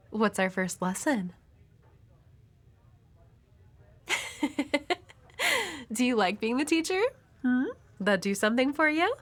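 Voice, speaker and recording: Himeno, a woman playing a flirty, world-weary devil hunter. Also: a little high. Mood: flirty, teasing. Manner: teasing, coy, breathy at times. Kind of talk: intimate audio roleplay addressed to the listener.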